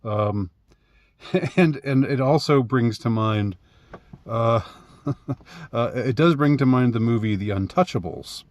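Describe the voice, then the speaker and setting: A man's voice: mid-range voice, moderate pace, a little mellow. A man talking in a casual monologue, rambling and hesitant, with many fillers and restarts and frequent chuckles. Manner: chuckles often. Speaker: commentator.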